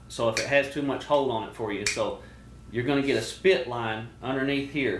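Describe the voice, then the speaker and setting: A man giving casual, hands-on instruction as a co-host. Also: medium pitch. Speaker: co-host demonstrating call tuning. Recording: echoey room with faint noise.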